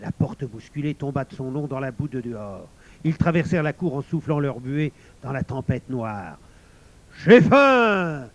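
A man narrating a tale in a dramatic, measured reading, on a dull lo-fi recording. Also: medium pitch, a little mellow. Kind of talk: storybook narration.

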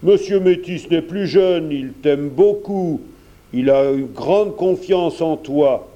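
Kindly gentleman benefactor, mellow tone, unhurried storybook pace from a male reader. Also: fairly high pitch, lo-fi sound. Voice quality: gentle, reassuring. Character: kindly older gentleman painter, warm benefactor.

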